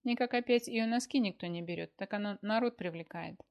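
A woman voicing a stern, bossy older wife who scolds with a sharp tongue in a read-aloud story. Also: medium pitch, a little fast, smooth, lo-fi sound, natural voice. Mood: scolding.

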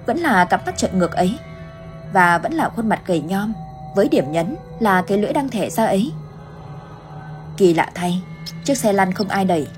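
A woman narrating a horror story in a steady, dramatic way. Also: mid-range voice. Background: faint music.

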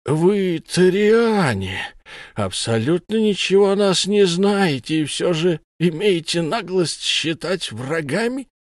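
In a clean studio recording with no echo, a man performs an audiobook character voice, a smug, menacing humanoid alien interrogator with a lisp. He raises his voice into a high register and speaks slowly and expressively. His questions come across as mocking and condescending.

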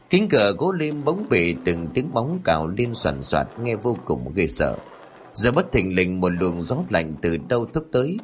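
A man narrating a scripted horror story in a dramatic, measured way. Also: low-pitched, husky.

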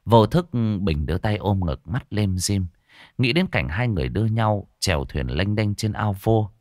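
Guy telling a ghost story, pitch swinging all over, dry close mic. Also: moderate pace, no room sound. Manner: expressive, dramatic storytelling. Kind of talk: dramatic horror story narration.

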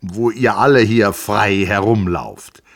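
A man's voice: fairly low pitch, slow, pitched above the performer's own voice. A man voicing a stubborn, mildly mocking young engineer who argues precisely and a little sluggishly, in a literary audiobook reading. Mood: insistent, mocking. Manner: precise, argumentative, slightly sluggish.

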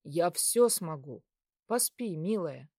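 A woman voicing a protective young man who speaks soothingly and reassuringly on the phone, in a lowered voice. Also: animated, measured pace, a little mellow, no room sound, clean studio sound. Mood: tender reassurance.

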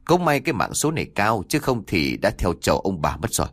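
A man voicing a weary older male exorcist who speaks in a low, resigned tone. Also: wildly swooping pitch, a little fast, fairly bright tone, dry recording, exaggerated voice.

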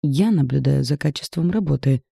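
A man's voice: fairly high pitch, animated, a little fast, vocal fry, warm tone, breathy edge, no echo, studio quality, exaggerated voice. A man voicing an arrogant, brooding man in an audiobook, speaking in curt, growling, contemptuous lines. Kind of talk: audiobook character reading.

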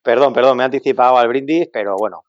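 A man's voice: medium pitch, quick pace, a crowd in the background. A man calling in by mobile phone as a podcast guest, chatting casually and joking with a chuckle. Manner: joking, chuckling between remarks. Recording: dry lo-fi phone audio.

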